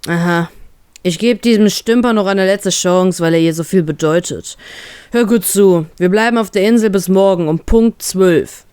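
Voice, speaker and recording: Woman doing a gruff protective big brother. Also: medium pitch, very animated, normal speed, no echo, studio quality, close to an everyday voice. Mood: irritated. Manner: gruff, curt and irritated, softening when reassuring. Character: young man, protective hot-tempered older brother.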